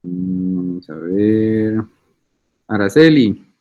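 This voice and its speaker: This male university lecturer has a fairly low, mellow voice and speaks extremely slowly. He takes roll and teaches over a video call in a teasing, informal manner, with tinny, phone-like audio.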